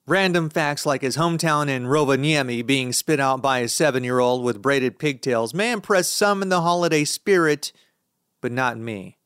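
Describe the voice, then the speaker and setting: A man's voice: mid-range voice, moderate pace, a bit bright, clear, resonant tone, no echo. Male audiobook narrator, first-person, sardonic delivery, mid-range voice, dry close sound.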